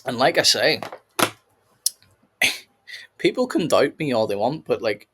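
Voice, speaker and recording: A man's voice: mid-range voice, big pitch swings, slow pace, background noise. A man hosting a casual reaction video, rambling and laughing often as he comments. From United Kingdom.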